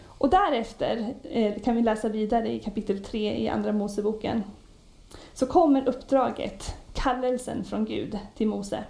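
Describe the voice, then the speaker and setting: A woman preaching a sermon in a conversational storytelling way, often pausing with hesitations. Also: a little high, gravelly, mellow. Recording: echoey room.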